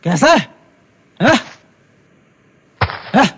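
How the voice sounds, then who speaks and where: An actor playing a wounded male guard with a raspy, strained voice, who also questions someone with menacing, taunting jabs. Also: high-pitched, big pitch swings, extremely slow, fairly bright tone, exaggerated voice. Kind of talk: Hindi film dialogue.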